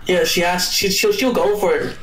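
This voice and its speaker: Male podcast co-host, high voice, rambly and laughing a lot, echoey room. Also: normal speed, a bit bright. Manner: rambling, laughs often, many restarts. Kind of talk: casual anime review chat.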